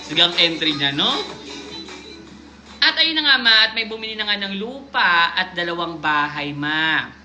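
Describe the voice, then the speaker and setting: A woman's voice: on the low side, lively intonation, measured pace, sharp tone, soft background music. A woman hosting a live stream, reading a viewer's submitted story aloud and breaking off to joke and comment on it. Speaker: livestream host reading viewer stories.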